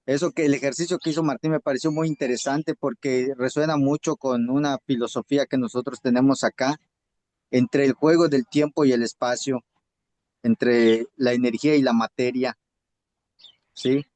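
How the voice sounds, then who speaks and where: A man's voice: medium pitch, steady tone, normal speed, a little mellow, no room sound, poor audio. Emphatic Yucatecan Mexican man. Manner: repeats and restarts words, rising to emphatic bursts. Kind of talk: motivational group talk.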